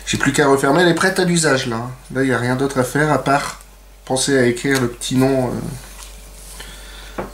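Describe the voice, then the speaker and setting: A man talks viewers through a hands-on nail art demonstration in a relaxed, chatty way. He pads his sentences with fillers and throws in playful, self-mocking asides. His voice sits at a middle pitch over a faint background hiss. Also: normal speed, pauses often. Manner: chatty, many fillers and "donc". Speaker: nail art tutorial host. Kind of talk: casual how-to demonstration.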